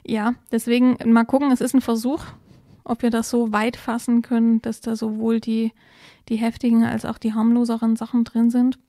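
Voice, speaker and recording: A woman co-hosting a podcast, calmly explaining step-by-step advice in a casual conversation. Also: fairly high pitch, moderate pace, no echo, studio quality. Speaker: podcast co-host explaining parenting topics.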